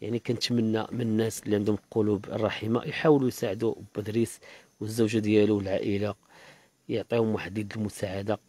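A young Moroccan reporter talks very fast into a handheld mic. His voice is mellow and low-key as he coaxes answers from the people around him in the tent. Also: little pitch movement, slightly rough. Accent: Moroccan Arabic. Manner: coaxing questions. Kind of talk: field interview. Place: outdoor tent.

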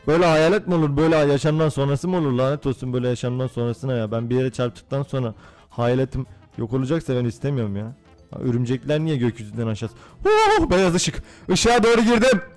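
A young man giving excitable let's-play commentary on a game, laughing and swearing often. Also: a little high. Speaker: gaming YouTuber.

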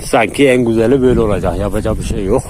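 A man talking casually to viewers about his dogs outdoors, now and then calling to them in high, loud bursts. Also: rapid-fire, background noise. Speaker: dog breeder filming his dogs.

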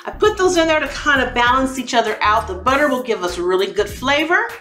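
A woman's voice: high voice, animated, fairly quick. A woman in her forties hosting a cooking demonstration in a home kitchen, chatty and encouraging, laughing between steps. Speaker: cooking show host. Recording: echoey kitchen with soft background music.

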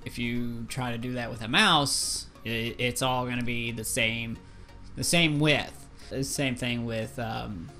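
A man teaching a beginner's digital painting lesson in a casual, rambling way, joking at his own expense and often stumbling over his words. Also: mid-range voice. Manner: self-deprecating, distracted, stammers and restarts; yells at noises in outbursts. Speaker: online art teacher.

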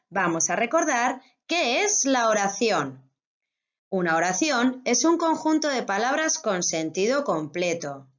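Patient Spanish teacher explaining to kids. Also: female voice, medium pitch, highs cut off. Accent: Spain Spanish. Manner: patient, explains step by step to children. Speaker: primary school teacher. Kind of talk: recorded online grammar lesson.

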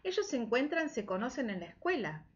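A woman English teacher giving a slow, patient children's lesson from home, drilling phrases over and over and mixing English and Spanish. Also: on the high side, big pitch swings, muffled recording.

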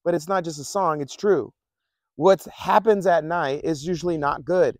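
Casual man preaching, slightly high voice. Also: normal speed, dry recording, studio quality. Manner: conversational, repeats phrases, chuckles often. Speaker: pastor. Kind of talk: casual sermon.

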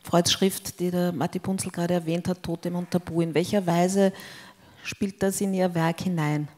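A woman's voice: lowish voice, level tone, normal speed, darkish tone. Woman, moderator, explanatory, handheld mic, large hall. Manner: explanatory, guiding questions. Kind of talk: panel discussion.

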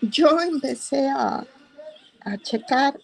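A middle-aged woman recounting a painful personal story in a slow, halting way. Her voice sits a little high and has a gravelly, fry-laden edge. She pauses and restarts as she talks. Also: lively intonation, darkish tone. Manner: slow, emotional storytelling with hesitations. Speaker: interviewee. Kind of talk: personal testimony.

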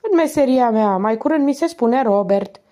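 A woman's voice: fairly high pitch, lively intonation, mellow, pitched above the performer's own voice, lightly acted. A woman reading aloud and voicing a polite, precise male head waiter of about fifty.

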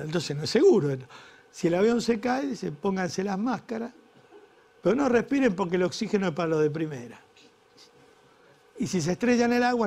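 A man's voice: high-pitched, gravelly, dark tone, slightly rough. A middle-aged man with an Argentine Rioplatense accent, telling a crude, exasperated stand-up comedy story. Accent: Argentine Rioplatense Spanish.

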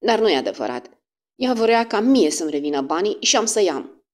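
A woman voicing a sullen, suspicious young foreign woman who talks quickly and defiantly. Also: medium pitch, very animated, pitched above the performer's own voice, lightly acted. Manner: fast, defiant speech.

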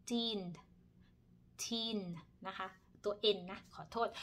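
Woman teacher, thirties, patient pronunciation drill with a slightly high voice. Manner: slow, repeats each word several times; polite, ends phrases with soft particles. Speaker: language teacher. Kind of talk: pronunciation lesson.

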